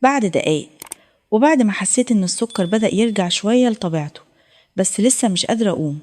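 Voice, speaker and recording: A woman's voice: mid-range voice, quick pace. A woman with an Egyptian accent narrating a dramatic first-person story, emotional and tearful in tone. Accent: Egyptian Arabic. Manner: emotional, tearful retelling in a steady flow.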